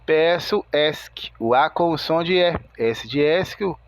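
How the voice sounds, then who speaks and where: Slow, methodical man teaching a lesson. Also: a little high, expressive, no room sound. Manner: slow, methodical, spells out sounds word by word. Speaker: English teacher. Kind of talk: video lesson explanation.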